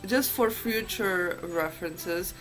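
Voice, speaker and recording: A woman's voice: on the low side, slow, faint music behind, poor audio. A woman chatting casually to camera as a beauty vlogger, in a groggy just-woken-up morning voice and a chatty, self-deprecating way.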